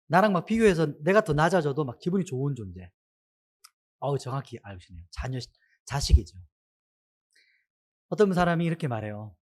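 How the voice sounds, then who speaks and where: A man preaching a sermon to his congregation, asking them many questions. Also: mid-range voice. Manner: asks the congregation many questions, animated rise and fall.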